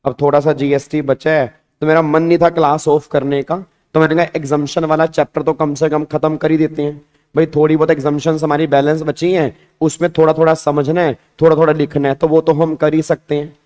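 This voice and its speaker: A man with a hoarse voice teaching an online class, chatting casually and speaking calmly. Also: on the high side, brisk.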